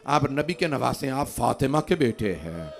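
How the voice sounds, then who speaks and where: A man, a cleric, delivering an emotional mourning sermon that swells into loud cries. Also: mid-range voice, very animated, creaky. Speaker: Shia cleric reciting elegy.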